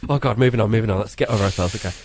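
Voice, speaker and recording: A man's voice: fairly low pitch, darkish tone. A man co-hosting a casual film review chat, chatty and rambling. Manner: chatty, rambling, quick to laugh. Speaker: podcast co-host.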